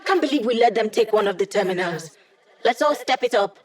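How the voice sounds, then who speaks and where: A woman's voice: mid-range voice, expressive, fairly quick, a little mellow, lightly acted. A young hacker ally from a video game, played by an actress. She is playful and wry. Her delivery is casual, full of teasing asides. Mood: focused, brisk.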